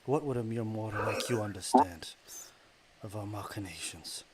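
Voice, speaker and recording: A man voicing a menacing female goddess of darkness and death, who speaks slowly, taunts, and drops to a whisper. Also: fairly low pitch, a crowd in the background, lightly acted. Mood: taunting. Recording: clear background noise.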